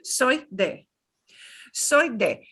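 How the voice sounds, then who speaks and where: A woman with a bright, forward voice gives a beginner Spanish lesson. Her pitch moves in lively swings as she emphatically instructs the class, with slow, careful pronunciation of each foreign word. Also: husky. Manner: pronounces foreign words slowly and deliberately, broken into parts; emphatic, instructive, checks in often. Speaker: Spanish teacher.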